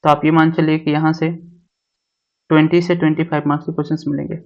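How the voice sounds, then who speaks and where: A man's voice: on the high side, flat delivery, fast talker, lo-fi sound. A male exam coaching teacher walks through a syllabus, repeating each point and mixing English technical terms into his talk. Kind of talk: syllabus walkthrough lecture.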